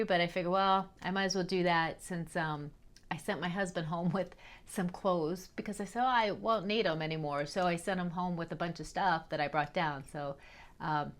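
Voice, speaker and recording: A middle-aged woman chatting casually to her followers in a travel vlog, rambling with fillers and small laughs. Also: on the low side. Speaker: travel vlogger.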